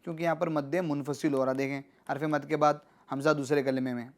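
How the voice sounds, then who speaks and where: A man teaching recitation on television, reciting words slowly and repeating them, then giving quick, quieter explanations of pronunciation rules. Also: on the high side, fairly even intonation. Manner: repeats drills patiently.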